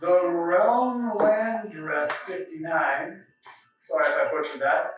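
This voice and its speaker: A helper reading viewers' comments aloud during a live stream, with lively intonation. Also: medium pitch, slow, heavy reverb, recorded from a distance, slight background noise, low-quality recording.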